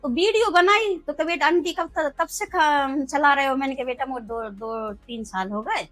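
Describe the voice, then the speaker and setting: A woman's voice: sits high, moderate pace, a bit bright, soft background music, low-quality recording. A middle-aged woman street food vendor telling her story earnestly in an interview, acting out the dialogue. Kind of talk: emotional personal interview.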